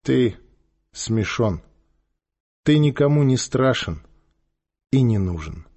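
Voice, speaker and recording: A man voicing a stern, cool-headed boy leader who speaks low and quiet, in a husky voice. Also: expressive, slow pace. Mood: cold.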